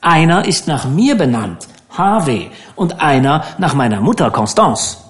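A man's voice: on the high side, big pitch swings, a little slow, echoey room, pitched above the performer's own voice. A man voicing a spoiled, haughty rich teenage boy who sounds boastful and indignant in an audiobook.

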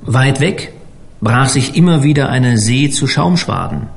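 Slow, lively German storyteller man. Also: mid-range voice, creaky. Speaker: audiobook reader. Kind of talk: scripted narration.

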